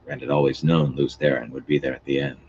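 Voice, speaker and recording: A man reading a fantasy novel aloud in a steady, expressive storytelling manner. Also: a bass voice, quick pace, dull audio, noisy background. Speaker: audiobook reader.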